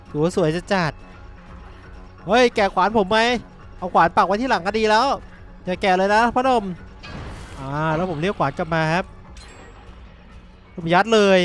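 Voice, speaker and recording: A young man talks through his gameplay in a high, eager voice. He swings between quiet mutters and sudden excited shouts and grunts. Faint game music plays behind him. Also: normal speed, long pauses. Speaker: gaming YouTuber. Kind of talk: live gameplay commentary.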